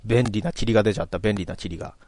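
A man's voice: fairly low pitch, quick pace, a little mellow. A man casually commenting on a game as he reads its text aloud, with chatty, joking asides. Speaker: game streamer.

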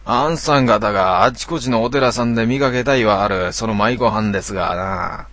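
Man doing a soft-spoken Kyoto taxi driver. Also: fairly low pitch, a little fast, dry recording, lightly acted. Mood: gentle. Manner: gentle, polite.

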